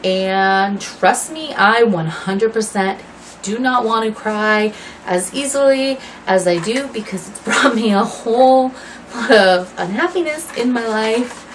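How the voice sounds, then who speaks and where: A woman's voice: fairly high pitch, takes it slowly, slight background noise, low-quality recording. A woman in her thirties chatting casually to camera at home while dyeing her hair, rambling and apologetic with lots of fillers. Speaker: vlogger.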